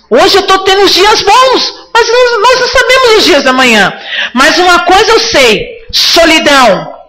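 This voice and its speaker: A woman's voice: fairly high pitch, a bit bright, poor audio. A woman preaching a sermon to her congregation, fervent and rising now and then to cries.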